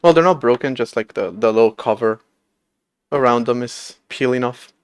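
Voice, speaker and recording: The recording is clean studio sound with no echo, capturing a medium-pitched man speaking at a moderate pace in a clean tone. In his late twenties, he casually chats while livestreaming his operating-system coding from a room at home, rambling, self-deprecating, and laughing a lot.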